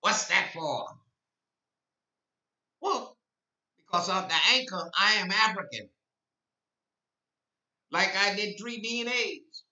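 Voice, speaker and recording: A man's voice: high voice, animated, slow pace, long pauses, sharp tone. A man in his eighties hosting a live-stream podcast, rambling and repeating himself, then rising to impassioned declarations. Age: 80s. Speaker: podcast host. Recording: echoey, distant, dull lo-fi.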